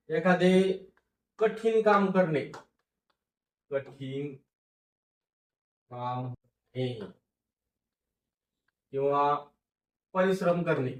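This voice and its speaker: A man teaches phonics, saying each word slowly and repeating it so the class can read along. His voice sounds distant, picked up in an echoey room. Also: high voice, a bit bright. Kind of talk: phonics lesson.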